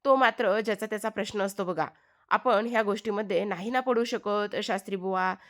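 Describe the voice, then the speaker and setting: A woman's voice: mid-range voice, fairly quick, natural voice. A woman voicing an old-fashioned male village tutor who speaks in a matter-of-fact, deferential way.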